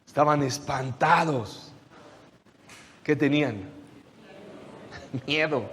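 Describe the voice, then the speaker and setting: A man preaching a sermon, retelling the story with lively questions to his listeners. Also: fairly high pitch, takes it slowly, long reverb tail. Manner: animated storytelling, asks the audience questions.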